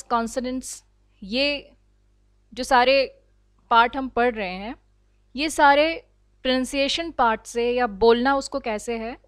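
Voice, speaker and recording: A woman with an Indian accent teaching an online English class, explaining slowly and deliberately and mixing in English phrases. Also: high-pitched, a bit bright, no room sound. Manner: slow, deliberate explaining, switching between Hindi and English. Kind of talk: online lecture.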